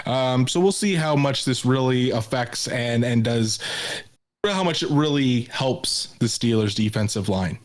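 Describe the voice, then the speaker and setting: Man, sports writer on a podcast, mid-pitched voice, chatty, lots of ums and repeats. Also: animated, measured pace. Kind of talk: casual sports podcast talk.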